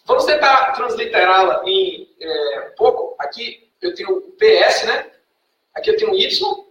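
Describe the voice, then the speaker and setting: A Brazilian Portuguese-speaking man teaching a class, patiently quizzing students and checking in with a quick "tá?" after each point. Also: very high-pitched, wildly swooping pitch, fairly bright tone, recorded from a distance, slight background noise. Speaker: Greek language teacher. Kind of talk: classroom lecture. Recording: echoey classroom recorded from afar.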